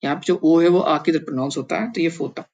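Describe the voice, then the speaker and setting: A man's voice: on the high side, steady tone, fast talker, darkish tone. A man teaching a language lesson, patiently sounding out each syllable one at a time. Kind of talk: explaining and spelling out syllables slowly.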